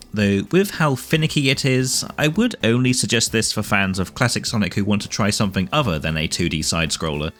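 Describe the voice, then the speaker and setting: A man's voice: on the low side, a bit bright. A man narrating a scripted game retrospective with wry, dry asides over background music. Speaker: video game reviewer and narrator. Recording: music behind the voice.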